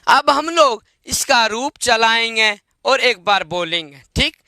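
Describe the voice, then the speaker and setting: High-pitched, bright-voiced male Sanskrit teacher. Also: animated, no room sound, clean studio sound. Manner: repeats forms and quizzes students with questions; chants declensions slowly in a sing-song way. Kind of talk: online grammar lesson.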